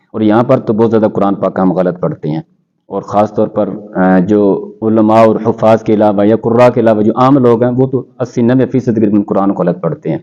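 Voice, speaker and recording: Measured man teaching Quran recitation. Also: on the low side, warm tone, dull audio. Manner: measured, citing scholars with Arabic quotations. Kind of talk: scholarly interview answers.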